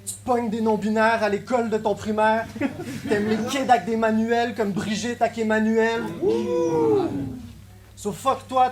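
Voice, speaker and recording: A man with a Québécois French accent delivering taunting, punchline-driven rap battle verses. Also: sits high. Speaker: battle rapper. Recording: noisy live event recording.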